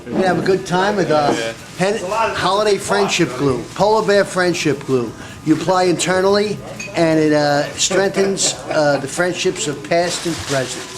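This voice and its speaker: A man's voice: high-pitched, normal speed, reverberant, crowd noise. Boisterous middle-aged man in a crowded bar. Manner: boisterous, hesitant with many uh fillers. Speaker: polar bear club ringleader. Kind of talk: casual interview.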